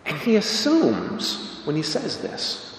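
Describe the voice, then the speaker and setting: Priest preaching in cathedral echo. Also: male voice, slow pace. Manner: emphatic, animated preaching with sudden rises in pitch. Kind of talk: gospel reading and homily. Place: large church. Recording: cathedral echo with long reverb, faint noise.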